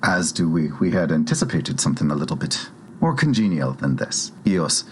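A man playing a formal, composed male crew leader in a tabletop game. He speaks in a measured way. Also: extremely low pitch, big pitch swings, slight background noise.

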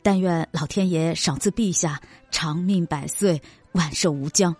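A woman's voice: lowish voice, a little slow, a little mellow, slightly rough, faint music behind, voice pushed down. A woman voicing the young man Aladdin in a storybook reading, courteous and deferential. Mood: humble.

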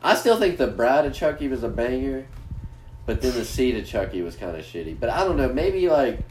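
A man's voice: mid-range voice, big pitch swings, fairly quick, a little mellow. A man hosting a casual podcast, rambling crudely and swearing a lot. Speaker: podcast host. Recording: echoey room with faint noise.

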